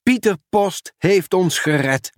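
A man's voice: high voice, expressive, slow, no echo, clean studio sound, pitched above the performer's own voice. A man putting on a kind female schoolteacher. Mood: encouraging.

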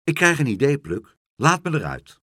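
A restless, adventurous bird from a storybook, put on by a man, pitched well above his usual voice. Its calls are bold and loud, with a slightly husky edge. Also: big pitch swings, normal speed, no echo, studio quality.

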